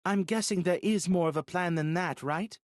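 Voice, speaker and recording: An anxious young woman , as a male narrator puts her on, asks pressing, worried questions. Her voice sits well above his usual pitch and a bit louder, and the recording is close and dry with no room sound. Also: normal speed, no room sound, natural voice.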